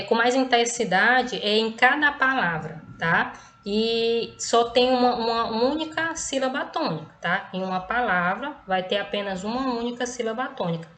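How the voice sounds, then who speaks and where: A woman from Brazil teaching a recorded online class, patiently repeating each point and checking in with the students, and stretching words out slowly to stress their syllables. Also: medium pitch, fairly bright tone, roomy sound.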